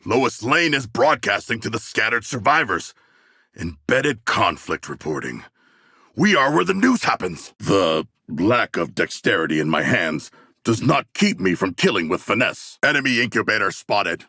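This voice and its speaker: An actor voicing a humanoid shark warrior in a video game, earnest, proud and bloodthirsty, with stilted, grandiose, formal phrasing. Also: male voice, on the low side, sharp tone, slightly rough, no room sound, clean studio sound, exaggerated voice. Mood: rousing, urgent. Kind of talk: video game character voice lines.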